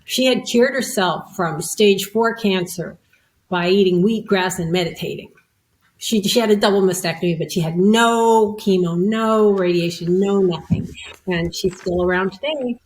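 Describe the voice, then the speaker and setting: A woman telling a personal story as a podcast guest, at a middling pitch. She talks in an animated, self-mocking way and slips into the voices of the people she quotes. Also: moderate pace, slight background noise, low-quality recording.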